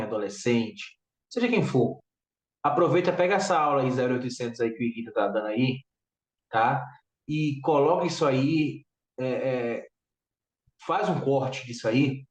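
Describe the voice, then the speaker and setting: A man with a Brazilian Portuguese accent hosting a podcast interview, talkative and animated with many fillers. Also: medium pitch, reverberant, distant mic. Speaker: podcast host.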